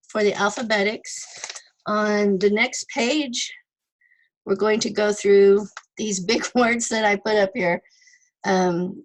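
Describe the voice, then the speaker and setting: Woman ESL teacher, slow careful delivery, mid pitch, spells out letters, repeats words, laptop mic. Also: low-quality recording. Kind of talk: slow online lesson, sounding out syllables.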